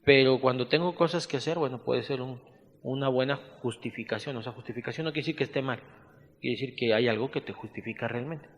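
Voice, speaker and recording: A man's voice: medium pitch, highs cut off. Mexican man teaching a Bible class, echoey hall. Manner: slow, spelled-out dictation mixed with conversational asides. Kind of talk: Bible study lesson, dictating notes.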